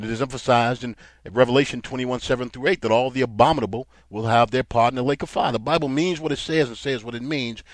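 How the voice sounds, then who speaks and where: A man's voice: medium pitch, no room sound. A man preaching a Bible lesson. He reads verses aloud in old-fashioned wording, then explains them and grows emphatic. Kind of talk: Bible teaching sermon.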